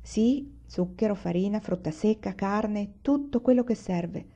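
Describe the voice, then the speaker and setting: A woman's voice: mid-range voice, measured pace, mellow. A woman reading a hearty pioneer father. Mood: matter-of-fact. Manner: hearty, exclaiming. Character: cheerful jovial pioneer father.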